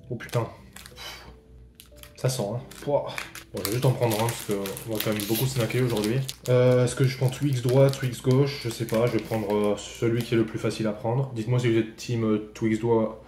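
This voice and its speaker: A man's voice: medium pitch, warm tone, slight background noise. A man from France chatting casually as he taste-tests snacks for a vlog, swearing offhand and thinking aloud as he eats. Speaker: vlogger reviewing snacks. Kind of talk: casual food tasting vlog. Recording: roomy echo, faint background ambience.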